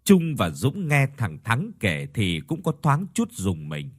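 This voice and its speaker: A man narrating a ghost story audiobook in an expressive storytelling manner. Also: mid-range voice, slow, no echo, clean studio sound.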